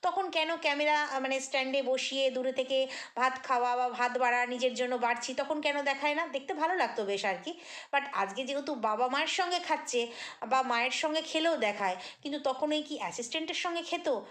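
Chatty woman vlogger with a higher voice. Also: brisk, fairly bright tone. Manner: chatty, critical, with many fillers and restarts. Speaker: vlogger commenting on other vloggers. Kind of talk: casual commentary monologue.

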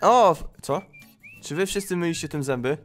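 Casting: high, excitable man voicing a kid in game role-play, faint music behind. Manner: excited, exclamatory, quick reactions. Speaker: gamer playing a child character.

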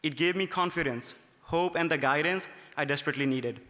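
An earnest young man from Nepal, a student speaker, delivers a prepared gala speech from notes at a podium. His voice is on the high side, bright and forceful, and a little fast. Podium microphones pick him up in a large ornate hotel ballroom, with the long reverb of a big hall.

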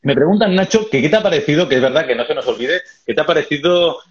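A man with a Spanish accent hosting a live stream chat, joking and talking in quick bursts. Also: a little high, expressive, a loud crowd. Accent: Spain Spanish. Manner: joking, rapid-fire talker. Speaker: host. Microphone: video call. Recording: muffled lo-fi live stream audio.

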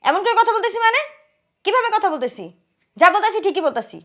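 A woman playing a spiteful young wife who scolds loudly and sneers at her husband's sister. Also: very high-pitched, very animated, quick pace, full character voice. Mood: scornful. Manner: scolding, loud and contemptuous. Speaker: sharp-tongued wife. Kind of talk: short film acting.

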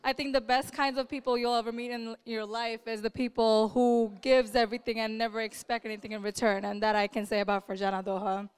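A young woman gives an emotional wedding toast. Her voice is very clean and resonant, set a little high. She offers earnest advice to the couple in a warm-hearted, slightly teary way. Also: little pitch movement, brisk, few pauses, clean tone. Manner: heartfelt, advising, getting emotional. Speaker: friend giving a wedding toast.

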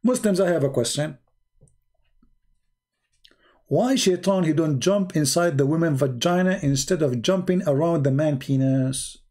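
A man's voice: a little high, moderate pace, mellow. A man giving a sarcastic, rambling monologue in broken non-native English, posing mock-naive questions. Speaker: online commentator. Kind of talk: mocking monologue.

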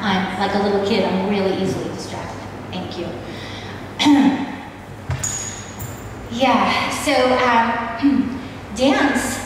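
Losing her voice, a middle-aged woman keeps clearing her throat as she chats warmly and wanders off topic during an informal ministry talk to a women's church gathering, where she serves as dance minister. Her mid-range voice comes through a handheld mic, filmed by a faraway camera on a stage in a big wood-panelled hall or church. The sound is noisy and distant, with a roomy echo.

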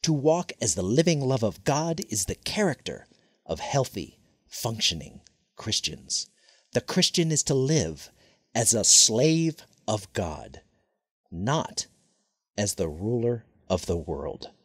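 A man delivers a slow, deliberate sermon voice-over, his tone husky and breathy. His pitch rises and falls widely as he presses each point with solemn emphasis. The sound is close and dry, with no room around it. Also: big pitch swings, no echo. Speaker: preacher. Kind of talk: scripted sermon narration.

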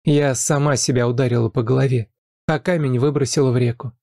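A man voicing a young nanny who pleads tearfully and rushes her confession, in a dark, dry voice. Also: mid-range voice, fairly even intonation, creaky, no echo, close to an everyday voice. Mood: pleading.

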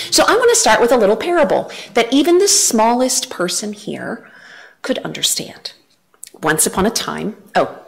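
Speaking in a gravelly mid-range voice, this woman in her thirties delivers a church talk from a lectern on a headset mic. She's earnest, shifts her emphasis, and gestures with animation as she goes.

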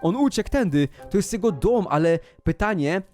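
A gaming channel host gives excitable commentary, gasping and shouting while he plays and talks to his pet dog. His voice is high, his speed normal, with soft music in the background.

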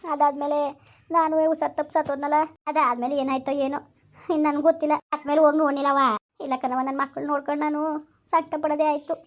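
A woman with a rural Kannada accent who hosts a village channel and acts out a homemade family drama in a fast, plaintive way. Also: sits high, flat delivery. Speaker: channel host and storyteller.

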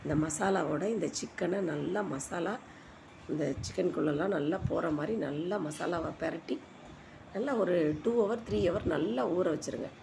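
A woman narrates a home recipe in a lowish, gravelly voice. She sounds hoarse, as if her voice is giving out. The voice-over is informal, with clear background noise. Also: normal speed. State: hoarse, voice giving out from a cold-weather strain. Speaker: home cooking video host. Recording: noisy home voice-over recording.

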